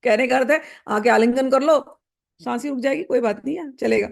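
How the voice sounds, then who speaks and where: A woman giving a devotional discourse. She chants verses slowly and then explains them expressively. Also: high-pitched, gravelly. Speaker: devotional scripture expounder.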